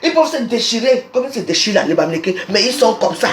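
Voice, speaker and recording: A Cameroonian woman hurls repeated insults in a combative live social media rant, her Cameroonian French accent clear. She is a social media personality with a medium-pitched, animated female voice that moves fast. Her phone recording has soft background music and a roomy echo.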